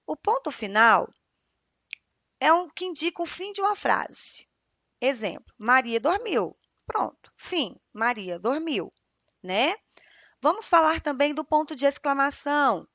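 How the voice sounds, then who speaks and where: A young woman teacher with a Brazilian Portuguese accent explains a school lesson to children in an expressive way, often ending phrases with a questioning "né?". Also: a little high, dry recording. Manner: expressive, frequent "né?" tag questions.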